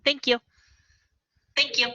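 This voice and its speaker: A woman, a student club president, making a halting announcement on a video call while her voice repeats as a delayed echo. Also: sharp tone, slight background noise. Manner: halting, with fillers. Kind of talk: announcement in an online meeting. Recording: dull lo-fi call audio with echo.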